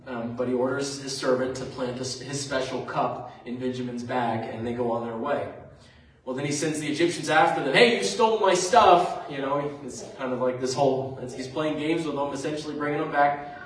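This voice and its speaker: A man's voice: mid-range voice, fairly even intonation, a little fast. A man preaching a sermon, retelling a story in a conversational way with fillers. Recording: very echoey room, mic far off.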